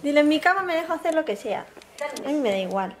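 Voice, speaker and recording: A woman's voice: high voice, big pitch swings, quick pace, slight background noise. A woman, chatting to a handheld camera in a family vlog, laughing often. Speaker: family vlogger. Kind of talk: casual vlog chat. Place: car and home. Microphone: handheld camera at arm's length.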